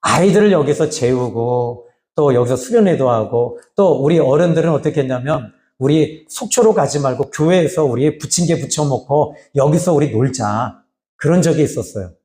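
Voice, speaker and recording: A middle-aged man preaching as a pastor in a church, lively and rising when he voices God's words, then dropping low for asides. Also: normal speed. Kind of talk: sermon. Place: church sanctuary. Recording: echoey church hall.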